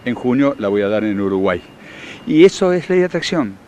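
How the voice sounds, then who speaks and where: Un hombre con acento argentino que da talleres y explica con tono seguro, didáctico y enfático. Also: male voice, medium pitch, big pitch swings, a little fast, darkish tone, slight background noise. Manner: confident, instructive, emphatic. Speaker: workshop leader and therapist. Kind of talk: explanatory interview answers.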